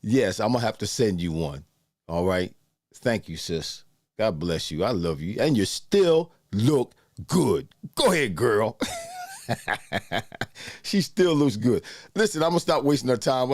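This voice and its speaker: Heard in a studio-quality recording without room sound, this sixty-something man hosts a laid-back live show, talking loosely and welcoming viewers by name. His medium-pitched voice is expressive and a little mellow, with a measured pace.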